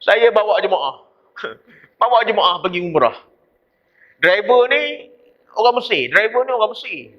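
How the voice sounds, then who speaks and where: A man's voice: sits high, unhurried, pauses often. A man with a Malaysian Malay accent giving a dawn mosque lecture as a religious teacher, telling stories with quoted voices. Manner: lively storytelling with quoted voices. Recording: dull lo-fi recording.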